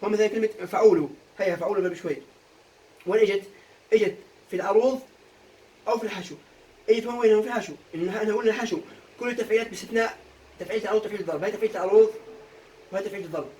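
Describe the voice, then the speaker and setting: A young man runs an exam-prep lesson, firing quick questions at his students and answering them himself. His voice sits high and his pace is fast. He sounds a little distant from the microphone, with a faint hum of room noise behind him. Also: a little mellow. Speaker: teacher.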